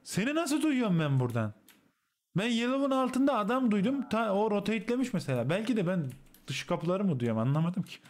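Man, high voice, casual game review, coaching teammates, slangy and swearing. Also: sing-song, a little fast. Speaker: streamer analyzing a match replay.

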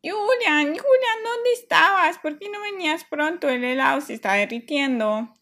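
A woman voicing a sleepy, whiny little girl in a children's toy play story, in a high, squeaky childlike voice. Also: big pitch swings, normal speed, fairly bright tone, heavily acted.

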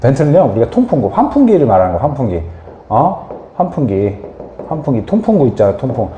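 A man's voice: medium pitch, brisk, roomy sound, lo-fi sound. A man teaching English vocabulary in a lecture, often asking questions and answering them himself. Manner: lively, asks and answers his own questions.

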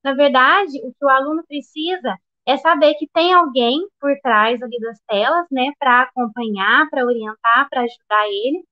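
Brief: female schoolteacher, Minas Gerais accent, chatty with fillers, very high voice, lo-fi call audio. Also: normal speed, hardly any pauses. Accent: Brazilian, Minas Gerais. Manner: casual, many fillers like "né" and "é". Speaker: primary school teacher. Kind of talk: sharing a practice at an online meeting.

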